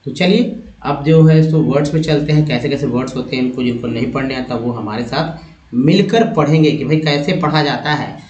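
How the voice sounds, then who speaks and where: A man's voice: mid-range voice, a little fast, a little mellow. A man teaching English word parts to viewers step by step, addressing them as friends. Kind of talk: spoken phonics lesson. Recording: echoey room, dull lo-fi sound.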